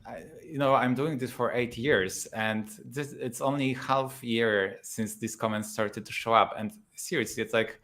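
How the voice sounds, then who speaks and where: Relaxed and laughing often, a Polish YouTuber in his thirties talks as a guest in casual interview conversation, using lots of fillers and a Polish accent. He has a mid-range voice and an unhurried delivery with hardly any pauses.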